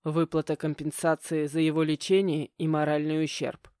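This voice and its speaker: A man's voice: a little high, completely flat delivery, moderate pace, a little mellow, smooth, no room sound, clean studio sound, natural voice. A woman voicing a stern middle-aged stepfather who lectures curtly. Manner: curt, lecturing.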